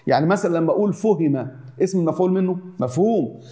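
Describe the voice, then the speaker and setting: A man with an Egyptian accent explains grammar to his students at a rapid clip. His tone is warm and mellow, and he sits a little higher than most men. He keeps circling back to the same examples, chanting them in rhythmic lists. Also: lively intonation. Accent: Egyptian Arabic. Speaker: Arabic teacher. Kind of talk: classroom grammar lesson.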